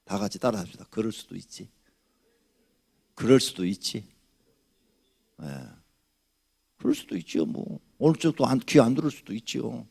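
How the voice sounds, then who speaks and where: A man in his sixties, a pastor preaching a Friday night sermon. He swings between loud, shouted lines and low, muttered asides, and he puts rhetorical questions to the congregation. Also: very animated, normal speed, vocal fry, pauses often, breathy edge. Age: 60s. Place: church sanctuary.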